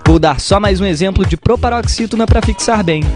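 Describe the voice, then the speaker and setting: High-voiced man teaching word stress. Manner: slow and clear, playful examples. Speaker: presenter of a grammar segment. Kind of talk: scripted educational narration. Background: music.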